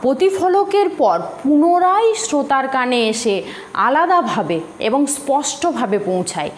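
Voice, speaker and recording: A woman teaches a physics class, patient and explanatory, often asking her students a question before answering it. Her voice sits high and swoops with lively intonation. The recording is roomy with a faint hiss underneath. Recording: echoey room with faint hiss.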